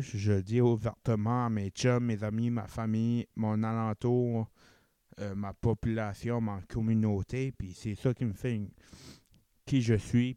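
This casual solo podcast comes from a young man from New Brunswick, Canada, whose Acadian Chiac accent colors his French, into which he slips English words while rambling and correcting himself. His voice is fairly low, dark, clear, and resonant, in a dry, clean studio recording.

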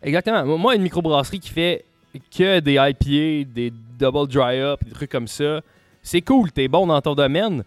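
A man's voice: a little high, moderate pace, no room sound, faint music behind. A man with a Quebec French accent chatting informally as a podcast contributor, often repeating his phrases. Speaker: podcast contributor presenting picks. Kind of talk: casual podcast chat.

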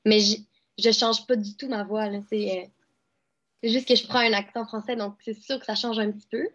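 A young Québécois-accented actress and dubbing artist chats casually in an interview, full of fillers and restarts. Her mid-range voice is steady at normal speed, and the lo-fi sound is dull.

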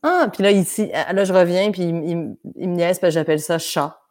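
A woman's voice: on the low side, a little fast, a little mellow. A young woman with a Québécois French accent that carries some traces of France, talking casually as an interview guest, chatty and self-deprecating, with many fillers and restarts. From grew up between France and Quebec.

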